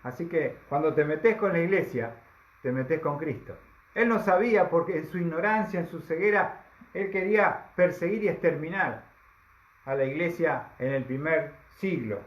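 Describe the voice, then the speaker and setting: A man preaching a sermon, emphatic, slowing down for drama and asking rhetorical questions. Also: a little high. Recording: echoey, dull lo-fi sound.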